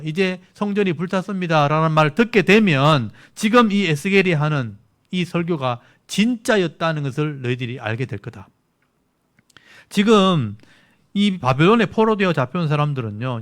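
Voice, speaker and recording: Korean pastor preaching a midweek sermon. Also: male voice, a little high, fairly bright tone. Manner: explains scripture plainly, reads verses aloud, asks listeners to look at verses. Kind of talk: expository sermon at a midweek service.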